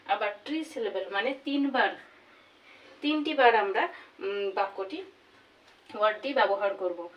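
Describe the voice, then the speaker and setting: A woman teaching a grammar lesson, slowly repeating each example word. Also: medium pitch, lively intonation, highs cut off. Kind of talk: classroom lesson. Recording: voice from far off the mic.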